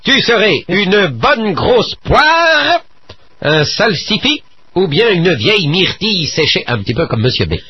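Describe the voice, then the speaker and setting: A man's voice: sits high, very animated, a little slow, breathy edge, dry recording, dull audio. A man co-hosting a comic radio show, joking and asking mock quiz questions in a playful way. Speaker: radio host.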